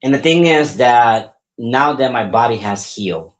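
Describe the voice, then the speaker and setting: A man in his forties, a wrestler who also hosts a podcast, talks casually and upbeat on his own show, often repeating himself as he rambles. His voice sits at a medium pitch with lively intonation and a measured pace.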